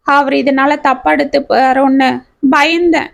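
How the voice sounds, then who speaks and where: A woman's voice: high-pitched, fairly even intonation, a little slow, vocal fry. A woman voicing a grieving middle-aged widowed mother who tells her story in a heartfelt, pleading way. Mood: sorrowful confession. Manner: heartfelt confessional telling.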